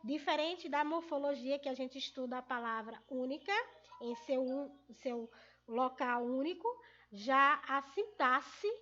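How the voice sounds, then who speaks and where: High-voiced teacher checking in often. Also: female voice, a little slow, bright, forceful tone, lo-fi sound. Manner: explains patiently with frequent check-ins like "ok?" and "tá?". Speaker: Portuguese teacher. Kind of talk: video lesson to students.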